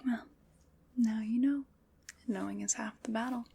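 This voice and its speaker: Against a noisy background, a woman whispers in an ASMR roleplay, playing a calm and polite armor fitter who measures gently and attentively. Her soft, slow whisper is on the high side and gravelly.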